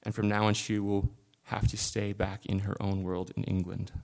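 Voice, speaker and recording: A man preaching a sermon in an earnest, confessional way, building from quiet reflection to impassioned emphasis. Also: on the low side, flat delivery, normal speed, creaky.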